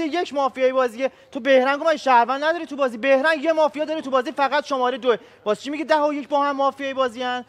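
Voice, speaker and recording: A man, a game show contestant, forcefully accusing other players and defending his own side. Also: extremely high pitch, in a large hall. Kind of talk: heated argument at a game table.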